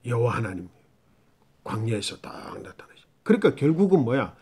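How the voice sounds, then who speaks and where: A man's voice: medium pitch, very animated, brisk, darkish tone, slightly rough. Male preacher teaching scripture; questions the room and answers himself, builds emphasis, then drops to near-whispers. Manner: asks rhetorical questions and answers them; swings between rising emphasis and dropped near-whispers. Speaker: pastor. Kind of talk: Bible teaching sermon.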